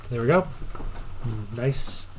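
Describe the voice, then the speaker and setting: A man with a mid-pitched voice talks himself through programming in a casual stream style. He mutters in short fragments and often trails off. The recording is heavily noisy, with typing and clicking behind him. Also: slow. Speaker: programmer streaming live coding. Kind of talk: casual think-aloud coding commentary. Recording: loud background noise, keyboard clatter. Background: typing and mouse clicks.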